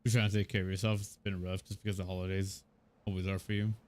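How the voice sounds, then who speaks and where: A man's voice: sits low, flat delivery, fast talker, darkish tone. A man in his twenties from Mexico, chatting casually and a bit hesitantly while streaming a game. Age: 20s. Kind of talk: casual gameplay chat.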